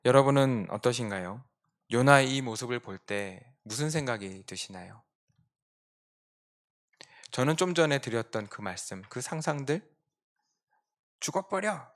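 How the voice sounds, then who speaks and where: A male pastor preaching a Sunday sermon with a very lively, wide-ranging pitch. His voice sits at an ordinary middle height. He drops to soft, reflective asides, then rises into sudden emphatic bursts. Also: moderate pace, pauses often. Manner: expressive, swings between soft asides and emphatic outbursts. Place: church.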